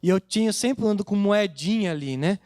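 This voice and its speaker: A man's voice: high-pitched, animated, moderate pace, a little mellow, no room sound, studio quality. A man with a Brazilian accent, a pastor preaching a sermon in a chatty storytelling way, retelling talks with his family. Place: church.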